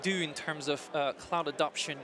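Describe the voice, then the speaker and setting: A man's voice: a little high, steady tone, moderate pace, noisy background. A man from France with a French accent, answering as an interview guest in a conversational way. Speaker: interview guest, technical marketing manager. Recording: busy crowd chatter behind.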